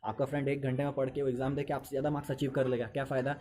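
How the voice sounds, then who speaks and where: A man's voice: mid-range voice, little pitch movement, racing, dark tone. Chatty male teacher with background noise. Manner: conversational, repeats phrases, mixes English into Hindi. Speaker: teacher giving study tips. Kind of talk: casual spoken study advice.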